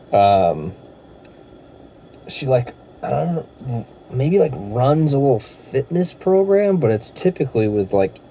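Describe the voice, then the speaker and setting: Indoors, a vlogger chats casually, telling loose, laid-back stories full of filler words. His voice is fairly low and dark, and there's a little hiss or hum on the recording.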